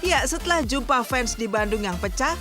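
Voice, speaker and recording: Casting: female infotainment voice-over, fairly high pitch, emphatic flowing read, loud music bed. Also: lively intonation, moderate pace. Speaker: entertainment news narrator.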